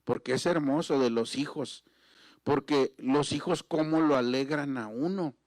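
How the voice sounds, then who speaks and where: A middle-aged man from Mexico, preaching with emotional storytelling that swings from loud exclamations to near-whispers. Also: medium pitch, unhurried, dry recording, clean studio sound. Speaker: pastor.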